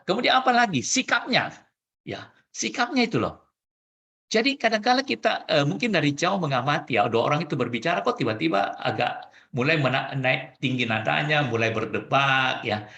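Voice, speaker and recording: A man coaching over a video call, animated and acting out quoted lines. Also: on the high side, gravelly, echoey room.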